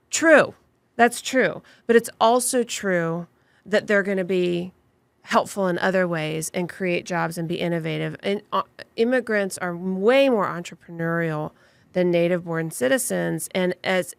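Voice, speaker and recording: A woman with a lowish, gravelly voice, recorded without echo, is interviewed as an immigration attorney who owns a law firm. She answers questions with passion and emphasis, piling her points into long lists.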